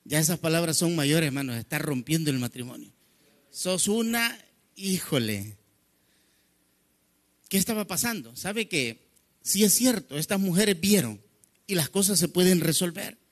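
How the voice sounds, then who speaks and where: A man's voice: fairly high pitch, normal speed. A man preaching a sermon. He reads scripture, calls listeners "brother" and acts out the quarrel in quoted lines.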